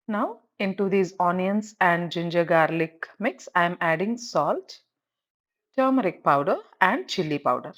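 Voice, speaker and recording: A woman with a South Indian accent narrating a cooking tutorial as host, giving step-by-step instructions and often prompting the viewer to look. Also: mid-range voice.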